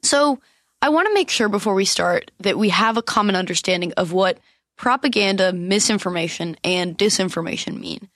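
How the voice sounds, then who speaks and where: A woman's voice: mid-range voice, normal speed, a bit bright, no echo, studio quality. A woman hosting a podcast, introducing her guest and asking questions in a friendly way. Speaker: podcast host. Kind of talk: podcast interview.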